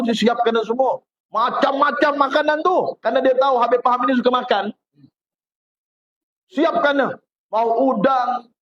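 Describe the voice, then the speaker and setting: A man from West Kalimantan with a Malay accent, preaching a sermon in a chatty, teasing storytelling way. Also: very high voice. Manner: chatty, teasing, jokes with the audience. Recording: dull lo-fi recording.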